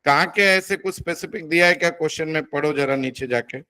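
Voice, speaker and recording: Man, accounting tutor, fairly high voice, quizzing students. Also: fast, bright, forceful tone. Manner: coaxing, addresses students as beta, quizzes them. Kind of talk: classroom teaching.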